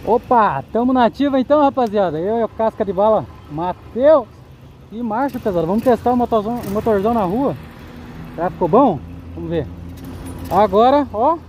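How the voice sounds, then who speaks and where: A man's voice: high-pitched, a little fast. A young man from chatting casually to viewers while riding his motorcycle, recorded on a phone fixed to his helmet. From Brazil. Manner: slangy, excited, talks to viewers. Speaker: motovlogger. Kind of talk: casual motovlog commentary. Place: riding a motorcycle on a city street outdoors. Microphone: helmet-mounted phone. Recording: loud traffic and engine noise.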